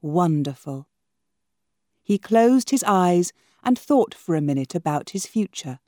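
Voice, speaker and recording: A woman narrating a simple storybook reading for learners, clear and measured. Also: fairly low pitch, animated, a little mellow, dry recording, clean studio sound.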